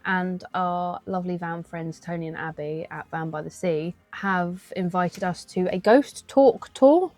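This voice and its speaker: A woman's voice: lowish voice, a little slow, few pauses, a little mellow, faint music behind. A young woman chatting casually as a vlog co-host, giggly and self-mocking. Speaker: vlogger co-host. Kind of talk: casual chat.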